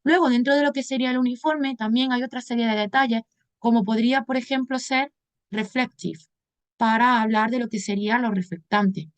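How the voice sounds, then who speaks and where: Higher-voiced woman teaching English vocabulary. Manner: explains step by step, addressing students as a group. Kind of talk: recorded lesson explanation.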